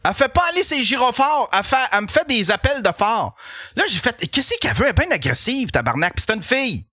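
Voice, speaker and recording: A man with a Québécois accent, a podcast host telling a comic story in an animated, profane way and laughing as he goes. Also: very high voice, fast talker, no room sound, clean studio sound. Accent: Québécois French.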